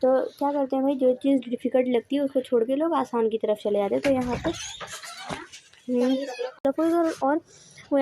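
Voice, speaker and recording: In her online lecture explaining the course notes, the teacher raises questions only to answer them and says each idea again in other words. She has a high voice with a dark tone, and there's slight background noise.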